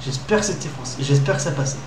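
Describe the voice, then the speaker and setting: A man's voice: mid-range voice, expressive, fast. A man from Reunion Island streaming late at night, joking, swearing and laughing a lot in casual chat. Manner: jokey, swears, laughs often. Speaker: Twitch streamer. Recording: echoey room with loud background noise.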